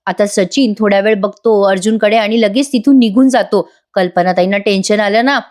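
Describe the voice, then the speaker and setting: A woman's voice: medium pitch, steady tone, a little fast, a little mellow. A woman narrating a voice-over recap of a TV serial episode, chatting directly to the viewers. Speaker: serial reviewer.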